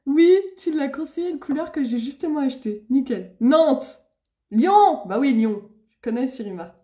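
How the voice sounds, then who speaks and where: A woman's voice: high voice, moderate pace, pauses often, dark tone. A woman from the Paris region chatting live with her followers while doing her makeup, bubbly and exclamatory, laughing often. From Seine-et-Marne, France. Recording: echoey room.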